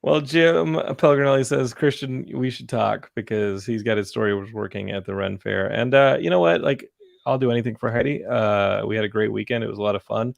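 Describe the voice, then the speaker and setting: A man's voice: medium pitch, brisk, gravelly, dry recording, studio quality. A young man co-hosting a podcast, telling stories in a casual, joking way and mimicking people in silly voices. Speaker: podcast co-host. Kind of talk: casual chat.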